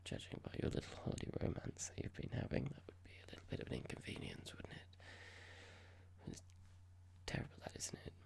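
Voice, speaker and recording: In a whispered ASMR roleplay, a performer plays a cold, smug corporate boss, speaking slowly and deliberately with breathy creak and fake politeness. The voice sounds natural, and the mood is smug and condescending.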